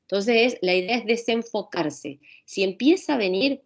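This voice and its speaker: A woman with a Rioplatense Spanish accent giving an informal pharmacology lecture. She talks conversationally, repeats calming phrases and often asks rhetorical questions. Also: mid-range voice, unhurried.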